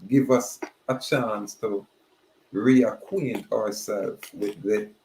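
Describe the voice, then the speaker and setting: A man giving a slow, emphatic preaching monologue. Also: fairly low pitch, fairly even intonation, a little mellow, slight background noise. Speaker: spiritual speaker. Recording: roomy echoey recording.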